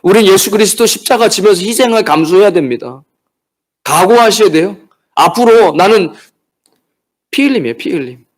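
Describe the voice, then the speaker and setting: A man's voice: high voice, brisk, pauses often. A man preaching a midweek church sermon, talking to the congregation and acting out the words of disciples and churchgoers. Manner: animated, acts out quoted voices of disciples and churchgoers. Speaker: pastor.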